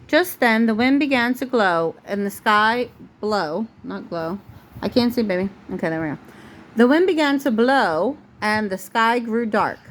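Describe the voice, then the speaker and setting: A woman with a slightly high voice and lively intonation reads a little slowly from a storybook, as a mother does for her small child, stopping to patiently answer the child's questions. It's a home recording with poor audio and clear background noise.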